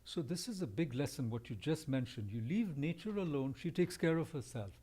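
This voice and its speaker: Mellow-voiced man musing at length. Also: fairly high pitch, expressive, brisk, husky. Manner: discursive, thoughtful, pushes back gently. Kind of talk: reflective conversation.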